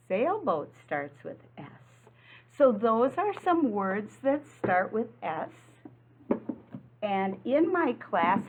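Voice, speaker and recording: Reading a picture book and teaching a lesson to small children, a woman preschool teacher explains things plainly and draws them in with questions. She speaks at a medium pitch, and the audio sounds as if it came through a phone.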